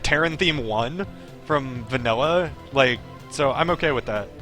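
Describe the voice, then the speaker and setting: A man streaming a game reads the story text aloud, then keeps breaking off into chatty, digressive asides. His voice is on the high side, pushed and bright, with game music playing behind him.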